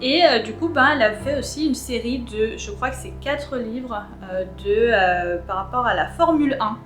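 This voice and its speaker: A woman's voice: on the high side, moderate pace, reverberant, faint music behind. A young woman chatting casually about her reading plans, rambling with many fillers and restarts. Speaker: booktuber. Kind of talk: casual chat.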